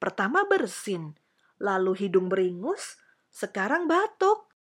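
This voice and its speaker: Slow, sing-song woman storybook reader. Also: medium pitch, sing-song, breathy edge. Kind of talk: scripted children's story narration.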